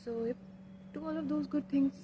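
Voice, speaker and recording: A woman's voice: sits high, normal speed, heavy background noise. Chatty young Indian woman vlogging. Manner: chatty, mixes English and Hindi. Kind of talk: casual vlog chat. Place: walking outdoors and on a rooftop terrace. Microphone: phone held at arm's length.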